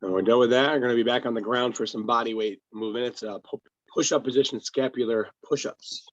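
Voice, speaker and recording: A man working as a personal trainer with a hoarse voice, coaching a client through exercises step by step with easy laughs. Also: mid-range voice, fairly even intonation, fast talker, dull audio. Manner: patient step-by-step instructions, laughs easily. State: hoarse, lost voice. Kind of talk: remote workout coaching.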